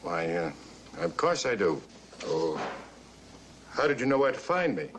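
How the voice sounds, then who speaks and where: A man's voice: mid-range voice, big pitch swings, unhurried, noisy background. A man playing a level-headed, firm newspaperman in a 1950s film. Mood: firm, surprised. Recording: old film soundtrack under loud music.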